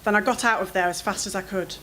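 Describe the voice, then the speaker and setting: A woman reading her own first-person fiction aloud at a literary event, in an expressive, anxious storytelling manner. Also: mid-range voice, fast, a little hiss or hum, low-quality recording.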